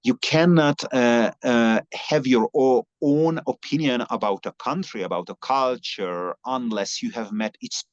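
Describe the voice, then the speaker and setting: A man's voice: mid-range voice, a little slow, few pauses, no room sound. A Hungarian man, a native Hungarian speaker, talking earnestly in an interview, often restarting his sentences. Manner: earnest, many restarts and fillers. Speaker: guest, long-distance cyclist. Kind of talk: conversational interview. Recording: slightly dull lo-fi sound.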